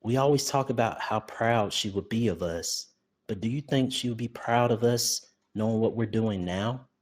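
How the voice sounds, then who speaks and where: A determined young ranger leader speaks, his voice pitched low with a slightly husky edge, as a man reads him. He talks firmly and earnestly, even when grieving, in a homemade audiobook. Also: moderate pace, lightly acted. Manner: firm, earnest, grieving but resolute. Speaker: audiobook narrator.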